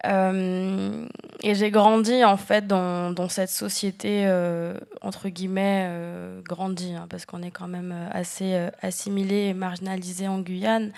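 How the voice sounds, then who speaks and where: A woman from French Guiana speaking as a panel guest, earnest and halting with frequent restarts. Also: mid-range voice, vocal fry, darkish tone. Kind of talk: panel discussion talk.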